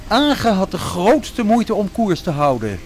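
Man, children's story narrator, slow expressive, highish voice, faint music behind.

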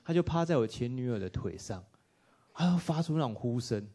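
A man giving a lively storytelling talk to an audience at a film workshop, acting out dialogue and laughing often. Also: medium pitch, normal speed, husky.

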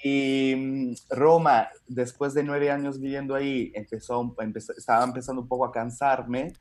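A thirties-aged man from Italy with an Italian accent, guesting as a comedian, tells his story in a casual interview chat over a video call from his home. His mid-range voice stays level at a normal speed as he rambles with many fillers and restarts.

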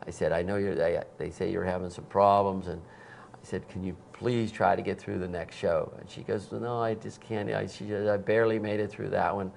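This gravelly, deep-voiced man in his sixties, a concert promoter, speaks a little fast while telling stories in a TV studio interview, captured by a lapel mic with slight background noise. He animates his anecdotes, performing quotes with sudden bursts of volume.

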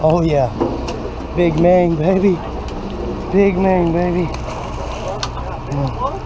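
A man excitedly narrating his fishing trip from a boat, recorded on an action camera outdoors, repeating his phrases and calling everyone baby. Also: sits high, extremely slow. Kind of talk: excited casual commentary. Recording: outdoor camera audio with loud wind and engine noise.

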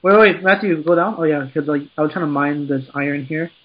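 A man chatting casually while playing a game with friends, excitable and quick with tips. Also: a little high. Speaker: gamer. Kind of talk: casual gaming chat. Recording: dull lo-fi game mic.

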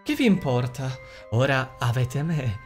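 A man's voice: very animated, unhurried, soft background music. A man voicing a scheming, cruel young woman villain who mocks and menaces in an audiobook. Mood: mocking. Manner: mocking, menacing, shrill outbursts.

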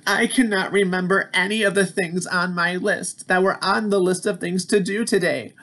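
A man voicing Toad, a fussy, anxious little male toad who wails and frets, in a storybook read-aloud. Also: moderate pace. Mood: glum. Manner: high, wailing and excitable.

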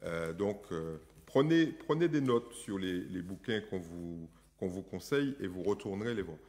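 A man's voice: low-pitched, expressive, normal speed, a little mellow. A man hosting a talk show, closing one segment and introducing the next with frequent fillers. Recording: long reverb.

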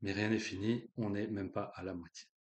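A man's voice: on the low side, steady tone, a little fast. A man hosting a live online quiz in a casual, joking way, with slang and lots of fillers. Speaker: quiz host.

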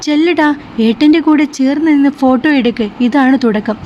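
A woman's voice: sits high, a little fast, darkish tone, natural voice. A woman voicing a caring young sister-in-law who reassures the bride affectionately, in a slightly muffled recording. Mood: reassuring. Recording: slightly muffled with faint hiss.

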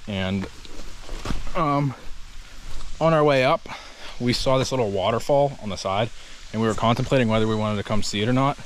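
Chatting casually while he hikes a rainforest volcano trail, a travel vlogger in his twenties holds his action camera at arm's length. His medium-pitched voice runs at a normal speed, broken by long pauses. Faint outdoor noise is present.

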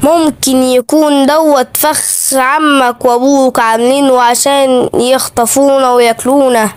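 A cautious old cartoon zebra played by a woman speaks in slow, drawn-out phrases. The voice stays fairly high for an old animal. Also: steady tone, clean tone, no room sound. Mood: wary. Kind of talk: children's cartoon voice acting.

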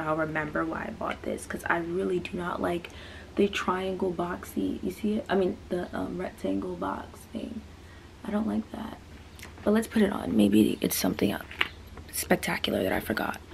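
This twenty-year-old woman has a fairly low, gravelly voice, and slight background noise runs underneath. As a fashion vlogger she rambles casually through a try-on haul packed with fillers and asides, filmed in a small bedroom by a camera on a stand at mid-distance.

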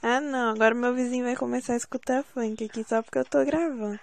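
High-voiced woman bossing her squad. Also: fairly even intonation, fast talker, gravelly, faint music behind, low-quality recording. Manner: bossy, teasing, exasperated banter with teammates. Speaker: gameplay channel host. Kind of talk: casual gaming commentary. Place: at home.

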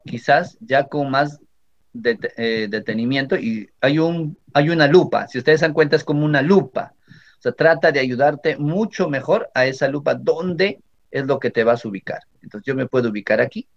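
A man with a Peruvian Spanish accent, teaching a software tutorial for teachers step by step and often checking that his listeners are following. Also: mid-range voice, moderate pace. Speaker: teacher training instructor. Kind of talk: screen-recording software tutorial. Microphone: computer microphone. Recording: slightly dull lo-fi audio.

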